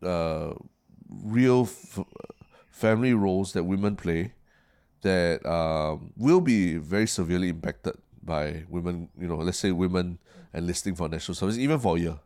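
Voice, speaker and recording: Low-voiced Singaporean man, hesitant Singlish. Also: normal speed, darkish tone. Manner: hesitant and careful, often repeating words. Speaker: podcast co-host. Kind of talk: casual discussion.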